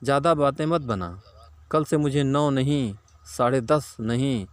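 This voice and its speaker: A man's voice: medium pitch, a little slow, close to an everyday voice. A man voicing a lazy, gluttonous fat village man who scolds and grumbles at everyone. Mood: grumbling, bossy.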